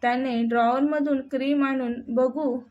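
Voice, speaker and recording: A woman narrating a romantic story in a steady, plain reading voice. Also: high voice, unhurried, dull audio.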